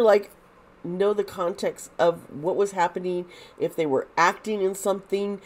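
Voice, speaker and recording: A tarot reader does a casual reading to camera, rambling with frequent restarts and fillers. She is congested and losing her voice, which fades as she goes; it is medium-pitched and a little mellow.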